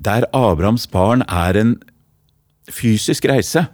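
A middle-aged man from Oslo with an East Oslo accent, a stage actor talking in an interview with thoughtful, halting restarts. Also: fairly low pitch, darkish tone, dry recording, clean studio sound. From Oslo, Norway. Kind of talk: interview guest, then slam poetry.

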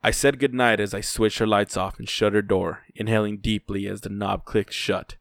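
A man's voice: fairly low pitch, steady tone, moderate pace, vocal fry, a bit bright, no echo. A man narrating a first-person story in a dry, weary telling.

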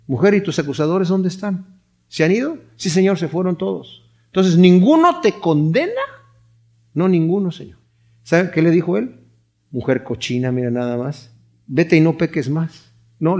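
A middle-aged man preaching a Bible study sermon, animated, acting out the people he quotes. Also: very high voice. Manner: animated, voices quoted characters. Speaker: pastor.

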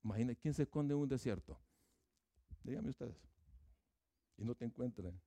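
A man's voice: mid-range voice, lively intonation, moderate pace, warm tone, no echo. A man preaching a sermon in a conversational way, with informal asides and fillers.

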